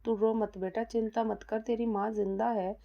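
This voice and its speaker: A woman's voice: on the high side, level tone, normal speed, creaky, dark tone. A woman voicing a doting, protective middle-aged mother who soothes and bristles, in a dull lo-fi recording. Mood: soothing. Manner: soothing, indignant.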